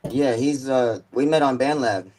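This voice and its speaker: A man's voice: mid-range voice, unhurried, a little mellow, poor audio. A man in his mid-twenties talking about his music as a guest, rambling and slangy with lots of filler words. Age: 20s. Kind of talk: casual chat.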